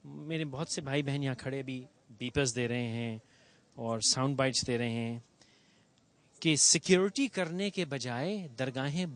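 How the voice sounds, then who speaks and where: A man hosting a TV show, speaking earnestly and with grief in an on-location monologue, standing outdoors near a bomb site and mixing English phrases into his speech. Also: medium pitch. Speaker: TV show host.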